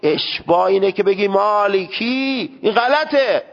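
A man with a fairly high voice gives a seminary lecture on religious law. He speaks emphatically and sounds out Arabic words to show the correct pronunciation. The recording is dull and lo-fi, with a long hall echo. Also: lively intonation. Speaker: seminary teacher.

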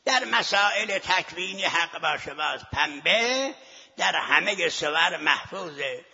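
Gravelly bright-voiced male lecturer. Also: fairly high pitch, expressive. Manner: argumentative, poses rhetorical questions to the class. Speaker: seminary teacher. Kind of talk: scholarly lecture to students. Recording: lo-fi recording with long hall reverb.

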